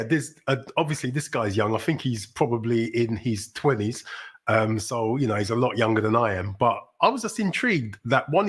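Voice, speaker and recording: A man's voice: medium pitch, husky. Chatty middle-aged London man. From South London, England. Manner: chatty and rambling, with sudden upbeat exclamations. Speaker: livestream host. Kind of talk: casual livestream chat.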